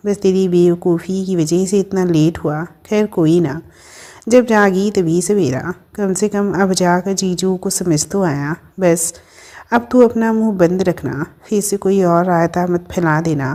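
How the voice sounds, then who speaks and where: A woman's voice: lowish voice, measured pace, dark tone, lightly acted. A woman doing a brash, scolding young friend. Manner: blunt, scolding, mocking.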